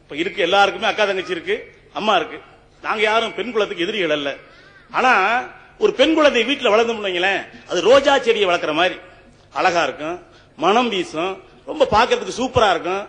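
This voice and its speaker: A man's voice: high voice, lively intonation, fairly quick, a bit bright, big-room sound. A man giving a humorous, rhetorical debate speech on stage and often turning to address the judge.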